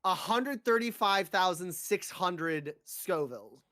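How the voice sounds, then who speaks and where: A woman's voice: fairly low pitch, lively intonation, slow, fairly bright tone. A woman hosting a live stream hot sauce challenge, groaning and complaining as the spice burns her mouth and eyes. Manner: groaning and complaining through spicy food. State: mouth burning, eyes watering. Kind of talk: casual live-stream chat.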